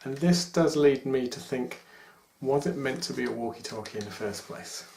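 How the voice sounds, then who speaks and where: A man in his forties with a mid-range, gravelly, slightly mellow voice chats casually to camera at a moderate pace, showing off collectible figures. He's a toy collector filming in a small room at home, and the camera mic about arm's length away picks up an echoey room with faint noise.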